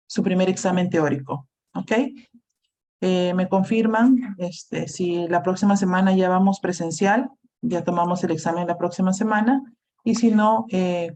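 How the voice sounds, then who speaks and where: A woman lecturing a university class over a video call, explaining steadily and checking in with the students as she goes. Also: lowish voice. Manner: explains plainly, checks in with "¿no?", "¿sí?" and "este" fillers. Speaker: university clinical lab lecturer.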